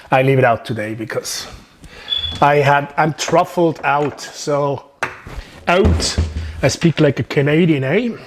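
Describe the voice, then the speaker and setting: A man's voice: fairly high pitch, slight background noise. Chatty Swiss-accented man cooking at home. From Switzerland. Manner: chatty, joking, relaxed instructions. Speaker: chef. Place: home kitchen.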